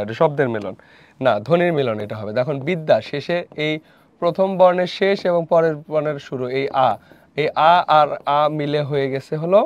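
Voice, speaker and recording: A man's voice: on the high side, no room sound. A young man teaching a live online revision class, who asks questions, repeats them and answers them himself. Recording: dull dry lo-fi stream audio.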